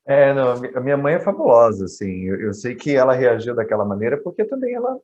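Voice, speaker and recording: A male guest, a theater teacher and actor, chatting in a casual interview with a lively, expressive delivery. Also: medium pitch, fast talker, slight background noise. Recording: dull lo-fi audio.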